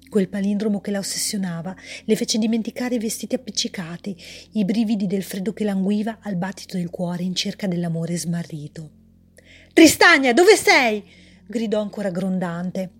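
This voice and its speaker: A woman reading literary fiction aloud in a measured, expressive narration. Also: mid-range voice, breathy edge. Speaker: reader.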